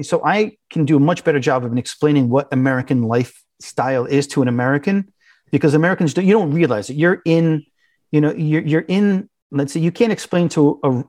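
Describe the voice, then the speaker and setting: A man as an interview guest, talking in a halting, conversational way with many restarts and fillers. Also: fairly high pitch, a little mellow, no echo. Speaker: interview guest, business owner.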